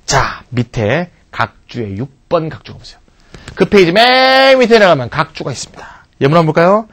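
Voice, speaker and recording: A middle-aged man lectures on English grammar for a video course, his voice sitting a touch high and leaping up and down with animation. He keeps asking the class questions and answering them himself, with a playful, teasing edge. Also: sing-song, a little fast, a bit bright.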